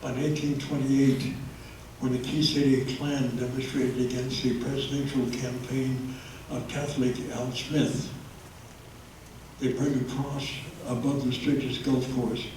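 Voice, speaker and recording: Unhurried and level, a man's medium-pitched, slightly mellow voice carries over a little hiss or hum. He is a history presenter giving a public talk thick with hesitant fillers, speaking into a handheld microphone, at times held low, and recorded from afar in an echoey meeting room.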